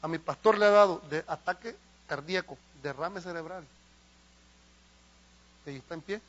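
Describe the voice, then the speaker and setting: Impassioned pastor, high voice. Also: male voice, moderate pace, a bit bright, muffled recording. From El Salvador. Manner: impassioned, asks the congregation questions. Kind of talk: sermon. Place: church.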